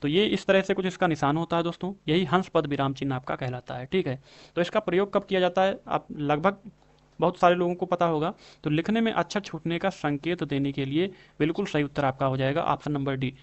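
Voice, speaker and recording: A man's voice: on the high side, brisk. A young man teaching a grammar lesson for exam prep. He goes through questions and answers one by one, repeats himself and keeps calling his viewers friends. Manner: repetitive, addresses viewers as friends, stretches out spelled words.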